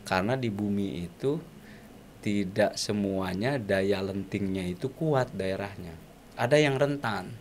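A man, explaining ideas as an interview guest, animated and often searching for words with fillers. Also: lowish voice, a little slow, a little hiss or hum. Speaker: guest speaker.

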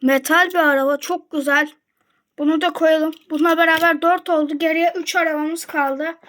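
A young woman talks casually and excitedly to her viewers. She unboxes toy cars and fills the talk with quick reactions and comments. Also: high voice. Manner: chatty and excited, addresses viewers directly.

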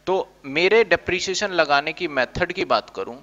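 In an expressive, sharp, somewhat high voice, a little slow, this man gives an accounting lecture with a playful streak, performing the questions his students might ask. The recording is dull and lo-fi.

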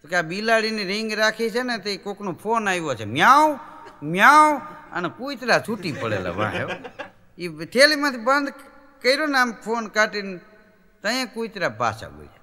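Animated comedian in a hall. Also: male voice, sits high, moderate pace. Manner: animated, acts out characters' lines in changing voices. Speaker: stand-up comedian. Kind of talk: live Gujarati folk comedy storytelling.

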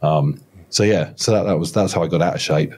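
On a video call from a home studio, a podcast guest of about fifty speaks briskly in a deep, darkish voice with a breathy edge. His casual interview story rambles, circles back with frequent restarts, and is self-deprecating. He uses a close studio mic and headphones indoors.

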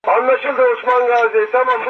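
A man's voice: very high-pitched, level tone, normal speed, heavy background noise. A man speaking over a police radio in clipped, formal dispatch procedure. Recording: muffled police radio with music behind.

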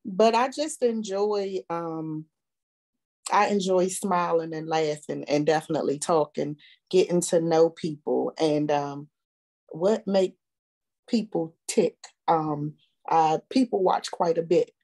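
A woman's voice: deep voice, slow, mellow. A middle-aged woman, a bus operator, telling stories as an interview guest. She laughs often and hesitates with fillers. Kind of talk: storytelling in an interview.

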